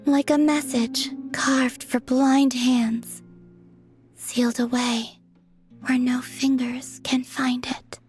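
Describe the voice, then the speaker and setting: A woman voicing a weary, gentle young moon goddess for a video game, speaking softly and breathily in a solemn, wistful way. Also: high voice, little pitch movement. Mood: wistful, resigned. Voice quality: soft, breathy. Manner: slow, wistful, solemn delivery. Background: background music.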